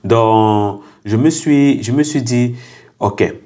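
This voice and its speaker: A man's voice: medium pitch, takes it slowly, dark tone. A young man from Cameroon, earnestly telling his story as an interview guest and repeating phrases for emphasis.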